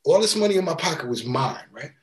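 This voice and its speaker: Man from New York, slightly high voice, animated guest storyteller, repetitive and profane. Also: fast talker. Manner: animated storyteller, repeats words, casual swearing. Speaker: guest musician. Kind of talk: casual storytelling chat.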